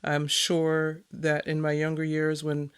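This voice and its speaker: A woman hosting her own podcast, talking excitedly and chattily, laughing often, with many fillers. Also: deep voice, slow, clean tone. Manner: many fillers, reads from notes. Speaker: podcast host. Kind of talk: solo podcast monologue.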